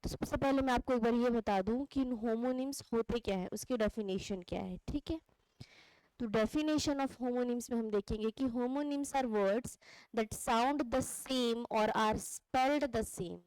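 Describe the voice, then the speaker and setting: A woman teaches an English grammar lesson in class, asking questions and answering them herself and ending points with "theek hai." Her voice is high-pitched and a little mellow, with no echo but a rough recording.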